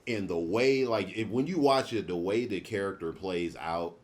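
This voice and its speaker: A man's voice: low-pitched, normal speed. A man hosting a podcast in casual chat, rambling and swearing freely. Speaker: podcast host.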